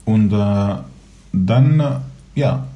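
Mellow-voiced man of thirty from Syria. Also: fairly low pitch, dull audio, soft background music. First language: Kurdish. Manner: fast-talking, earnest, recounts at length. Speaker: interview guest. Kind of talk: conversational storytelling.

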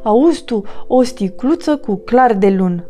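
A woman voicing a small, sleepy and gentle bunny in a children's storybook, speaking softly and slowly. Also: fairly high pitch, animated, close to an everyday voice.

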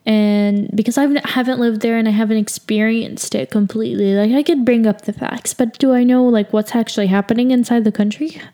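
A woman's voice: fairly high pitch, fairly even intonation, fairly quick, hardly any pauses, warm tone. A young woman from the United States hosting a solo podcast, talking casually and candidly with lots of filler words. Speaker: podcast host.

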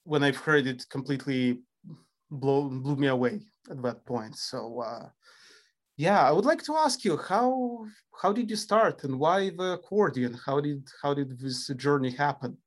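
A man's voice: a little high, expressive, measured pace. A man from a former Soviet country hosting a podcast interview, introducing his guest with admiration. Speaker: podcast host.

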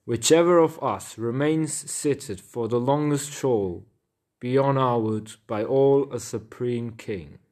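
Guy doing a vain nasty old-story king, deep bossy voice, slow drawn-out lines. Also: a little mellow, lightly acted. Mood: scheming. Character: cunning, vain, cruel medieval king. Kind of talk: storybook character voice.

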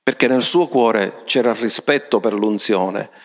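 A man preaching a sermon, retelling scripture and stressing points by raising his voice. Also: unhurried. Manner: emphatic, often rising in pitch for stress; storytelling, retells scripture with commentary.

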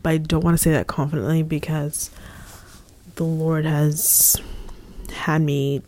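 A young woman leading a casual devotional talk for her ministry, earnest and repetitive, often dropping into a soft whispery delivery. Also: low-pitched, flat delivery, a little slow. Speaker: ministry leader.

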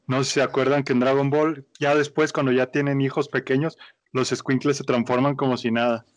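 A man with a Mexican Spanish accent chats casually on a podcast and shares trivia. His voice sits at a middle pitch. The recording sounds dry and close. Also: little pitch movement, a little fast, no echo. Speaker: podcast co-host. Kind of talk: casual chat.

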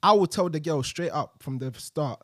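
A man's voice: a little high, normal speed, fairly bright tone, no room sound, clean studio sound. A young man with a London roadman accent, chatting and joking casually with friends in street slang.

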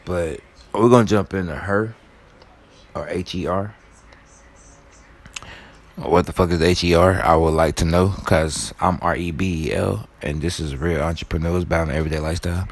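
A man's voice: low-pitched, moderate pace, long pauses. A man hosting a podcast in casual, slangy chat, drawling and swearing freely between songs, with a sleepy-sounding voice. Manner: calls himself sleepy-voiced. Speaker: podcast host.

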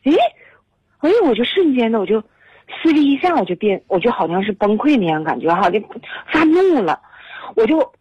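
A woman's voice: fairly high pitch, very animated, brisk, husky, dry recording, muffled recording. A woman in her forties calling in to a radio show, telling an upsetting story in an agitated, tearful way over the phone. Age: 40s. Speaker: radio caller. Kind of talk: emotional phone-in confession.

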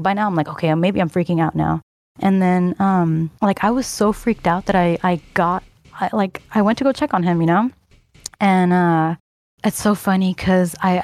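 A woman recounts a personal story in a loose, rambling way, leaning on fillers as she talks. Her voice sits a little low, earnest and unpolished. The recording is dry and close, with no room echo. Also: a little mellow. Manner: rambling, heavy use of "like" and "you know"; earnest, emotional recounting with sighs. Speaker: guest telling a personal story.

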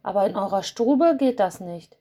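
A woman voicing a gentle, timid young fir tree that speaks softly and apologetically in a storybook. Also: medium pitch, expressive, normal speed, close to an everyday voice. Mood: kind. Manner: soft, apologetic.

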